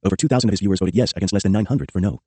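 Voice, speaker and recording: Male audiobook narrator, low mellow husky voice, very fast memoir read. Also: dry recording. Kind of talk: scripted first-person memoir narration.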